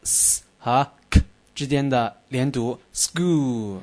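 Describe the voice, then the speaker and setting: A man teaching an English lesson on the radio, drilling words clearly and patiently. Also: medium pitch, level tone, slow, a little mellow.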